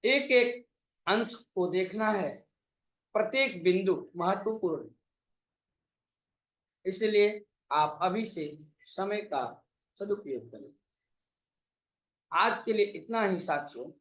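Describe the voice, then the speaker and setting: A man teaching an online exam-prep lesson, drawing out vowel sounds slowly and reciting verses in a chanting lilt. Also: high-pitched, expressive, a bit bright. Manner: slow, drawn-out vowel demonstrations. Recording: echoey, slightly dull sound.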